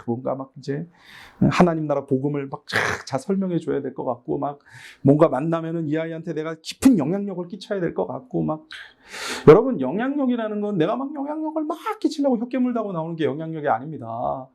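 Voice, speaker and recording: A middle-aged pastor lectures church teachers in a lively, storytelling way. His voice sits a little high but sounds dark and mellow, and his pitch swings widely as he acts out both sides of conversations with kids. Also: fast, vocal fry. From Busan, South Korea. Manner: animated, acts out both sides of dialogues with children. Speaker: pastor leading a teacher workshop.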